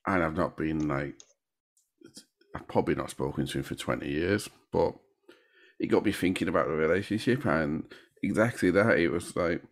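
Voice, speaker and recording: A man co-hosting a podcast, chatting in a halting, rambling way. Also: a bass voice. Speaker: podcast co-host. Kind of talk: casual chat.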